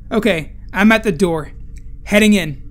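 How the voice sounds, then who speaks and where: A man reading out the text messages of a young man exploring a trashed restaurant, in his own voice. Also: high voice. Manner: read-aloud text messages, measured. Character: young man texting from a crime scene. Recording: faint music behind.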